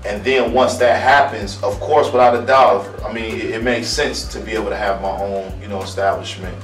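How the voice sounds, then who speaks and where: Low-ish calm guy from ohio, barber talking about his goals, heard from across an echoey room with faint music. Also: brisk. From Akron, Ohio. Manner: thoughtful, repeats words while searching, calm and earnest. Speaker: barber interviewee. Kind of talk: casual interview. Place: small room indoors. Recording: roomy, distant mic, faint music.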